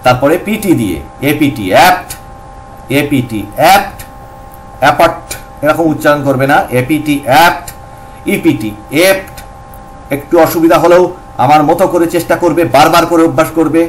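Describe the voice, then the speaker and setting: Man slowly drilling English sounds. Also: fairly high pitch, a little hiss or hum. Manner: drills sounds slowly, repeating each one. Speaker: English tutor. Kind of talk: lesson.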